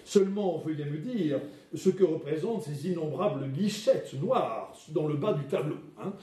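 A man reading aloud the part of an excitable, scornful older male academic painter, with huffing exclamations. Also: fairly high pitch, moderate pace, close to an everyday voice. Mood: indignant. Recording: roomy hall, mic far off.

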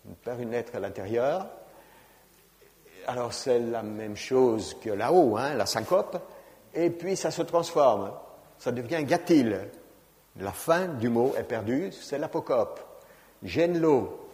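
A man's voice: medium pitch, a little mellow. A man giving an informal lecture on genealogy, talking conversationally and often adding "hein" and fillers. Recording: reverberant lecture hall.

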